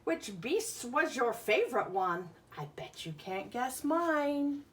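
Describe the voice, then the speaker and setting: Her voice sits on the high side and has a sing-song quality, and she takes things slowly over a slight hiss or hum. This woman is giving young children a lesson and reading a picture book aloud, explaining simply, questioning them, and emphatically sounding out letters and words.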